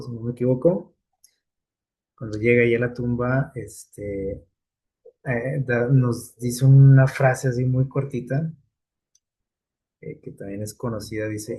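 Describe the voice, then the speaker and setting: A man's voice: mid-range voice, a little mellow, breathy edge. A man preaching a casual, conversational sermon, full of fillers and tag questions to his listeners.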